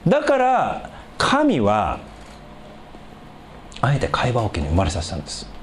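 A man preaching a sermon as a pastor, animated, repeating words for emphasis and swinging from low asides to high, exclaimed scripture. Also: unhurried, slight background noise.

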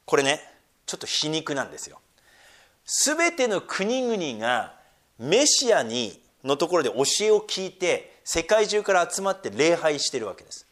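A middle-aged man preaching a sermon, dropping to near-whispers and then rising to loud, emphatic lines, reading scripture slowly and deliberately. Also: on the high side, sing-song. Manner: slow, drawn-out scripture reading. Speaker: pastor.

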